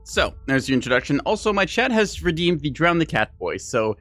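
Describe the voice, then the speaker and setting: A man's voice: mid-range voice, very animated, brisk, bright, forceful tone, dry recording. A man streaming a strategy game, giving casual, joking commentary full of fillers. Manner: joking, rambling, lots of fillers.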